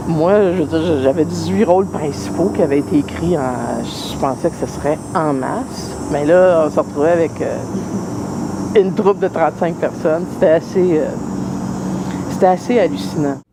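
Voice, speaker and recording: A woman playwright, talking thoughtfully in an interview, often pausing and restarting. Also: deep voice. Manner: thoughtful, hesitant, many pauses and restarts. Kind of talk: interview talk. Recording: noisy background.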